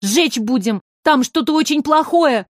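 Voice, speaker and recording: Женщина озвучивает смелую властную девочку, которая кричит и спорит. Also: female voice, sits high, animated, measured pace, no room sound, studio quality. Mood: excited. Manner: shouting, defiant. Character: bold bossy girl riding a dragon.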